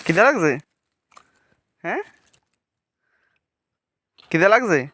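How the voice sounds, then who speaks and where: A young woman, a mother, chatting gently and coaxingly with her small child while filming on a walk outdoors. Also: on the low side, very animated, takes it slowly, a little hiss or hum. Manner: gentle, coaxing, speaks softly to a toddler. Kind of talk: casual chat with a small child.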